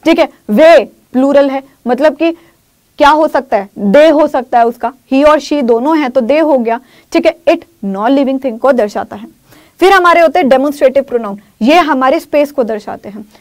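She explains English grammar in Hindi, delivering English examples slowly, repeating important phrases and frequently checking on her students. Her high voice has lively intonation and a darkish tone.

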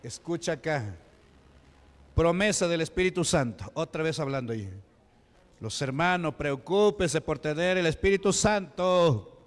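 A man's voice: fairly high pitch, lively intonation, a little slow. A man with a Peruvian Spanish accent, a deacon preaching a Pentecostal sermon in a church and asking the congregation questions. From Peru. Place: church sanctuary. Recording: long hall reverb.

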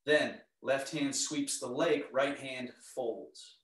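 A middle-aged man teaching tai chi, giving calm, serene, step-by-step movement cues in a measured way. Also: mid-range voice. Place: indoor home living area. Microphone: camera across the room. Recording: echoey room, distant microphone.

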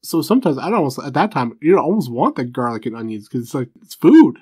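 A man's voice: medium pitch, very animated, fast talker, breathy edge, no echo, clean studio sound. A man co-hosting a casual true crime podcast, making laid-back jokes and side remarks. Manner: joking asides, laid-back banter. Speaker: podcast co-host.

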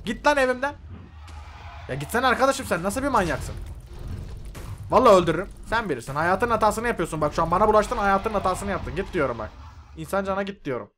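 A young man giving loud, excitable gameplay commentary, swearing and yelling at the mobs on screen. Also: high-pitched, brisk, a little hiss or hum. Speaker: gaming YouTuber. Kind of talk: Minecraft mod review commentary.

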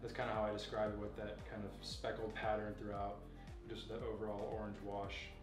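A young man in his twenties casually showing and explaining snakes in an indoor reptile room, relaxed and knowledgeable, with many fillers. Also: on the low side, brisk, distant mic. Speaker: facility owner giving a tour. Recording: echoey room, off-mic, music behind.

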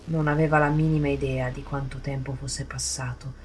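A woman narrating a horror story in a slow, hushed delivery that drops into whispers. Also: a bass voice, flat delivery, slight background noise.

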